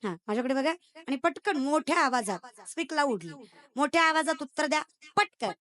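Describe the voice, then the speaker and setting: This young kirtan preacher speaks at a moderate pace, her high voice expressive and a bit bright. Standing on stage at a devotional gathering, she gives a funny sermon, poking fun at the audience, quizzing them and mixing in bits of English.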